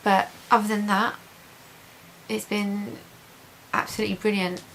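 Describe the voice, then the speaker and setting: Woman chatting to camera for a diary update, upbeat words but pretty flat intonation, bit of hiss. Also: medium pitch, a little slow, rough recording. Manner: chatty, repeats intensifiers, positive and reassured. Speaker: patient giving a video diary update. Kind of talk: casual chat to camera. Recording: hissy home recording.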